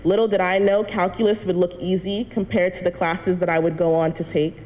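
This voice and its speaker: A young woman, a student, gives an earnest personal testimony to a church congregation, telling her story with light laughs. Her voice is fairly low and darkish, with fairly even intonation and a slightly quick pace. The church hall recording has a long reverb and faint noise.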